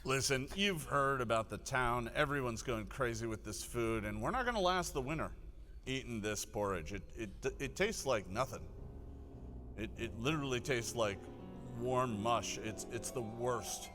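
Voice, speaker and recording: Man playing a stammering town drunk sergeant, forceful voice. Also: medium pitch, lively intonation, normal speed, faint music behind, voice pushed down, natural voice. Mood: complaining. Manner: town drunk, rambling, stammering and repeating words. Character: gruff town-drunk guard sergeant, exasperated, swigging from a flask. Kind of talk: live tabletop role-play.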